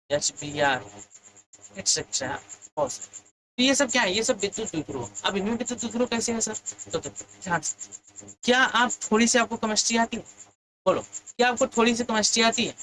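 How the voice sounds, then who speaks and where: A man's voice: sits high, sharp tone, slight background noise, rough recording. A male physics teacher leading an exam lesson. He keeps asking his students questions and then answers them himself.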